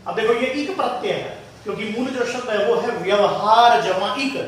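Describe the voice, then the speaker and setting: A man's voice: high voice, moderate pace, recorded from a distance, slight background noise. A male teacher giving a Hindi spelling lesson, explaining each word step by step and addressing students as "beta". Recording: very echoey room from afar.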